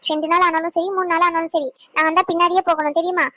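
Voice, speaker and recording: A woman's voice: very high voice, flat delivery, fast, pushed and bright, no room sound. A woman voicing an earnest young wife in a cartoon, explaining herself patiently. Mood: confiding. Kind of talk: cartoon voice acting.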